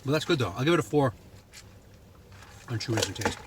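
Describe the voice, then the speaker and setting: A fast-talking man from New England, Boston accent and all, taste-tests food and chats to the camera in a casual, rambling, think-aloud review. His medium-pitched voice is animated, and there's noticeable noise in the background.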